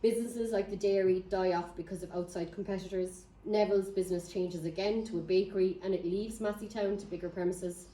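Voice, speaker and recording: A woman's voice: medium pitch, steady tone, brisk, hardly any pauses, mellow. Echoey distant recording, woman, County Cork Irish accent, wry storytelling, local history speaker. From Ireland. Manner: wry, lightly humorous. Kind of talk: informal public history talk, storytelling. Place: echoey indoor room before an audience. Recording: echoey room, picked up from afar.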